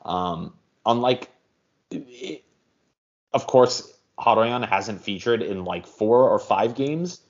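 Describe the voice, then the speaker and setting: Deep-voiced man, measured podcast talk. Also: expressive. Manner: measured, explains at length with frequent ums. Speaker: podcast co-host. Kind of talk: casual football podcast chat. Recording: dull lo-fi audio.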